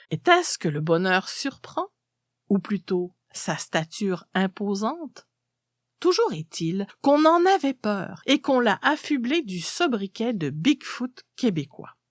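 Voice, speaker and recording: A woman narrates a literary story in an expressive reading style. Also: fairly high pitch, no room sound, studio quality.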